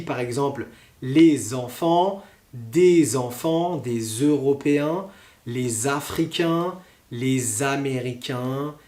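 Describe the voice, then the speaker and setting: A man with a French accent teaching pronunciation, talking slowly and deliberately with many hesitations. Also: a little high, darkish tone, roomy sound. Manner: slow, deliberate, with frequent hesitations.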